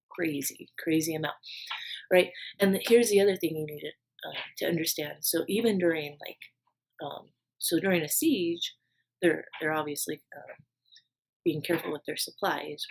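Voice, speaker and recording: A woman with a low, slightly husky voice talks through an ancient story in a relaxed lesson. She is chatty, uses plenty of fillers and turns to the viewer with asides. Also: poor audio. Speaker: archaeology vlogger retelling a Bible story.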